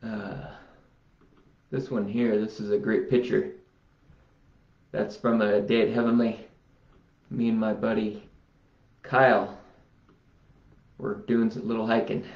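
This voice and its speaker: In a lowish voice with little pitch movement, a man demonstrates a self-healing routine in a casual vlog. He takes his time, rambling and muttering to himself, in a roomy recording with dull lo-fi sound.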